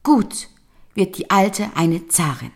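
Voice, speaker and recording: A woman voicing a kind magical golden fish who gently reassures an old man in a fairy-tale reading. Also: mid-range voice, lively intonation, slow, pitched above the performer's own voice. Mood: soothing.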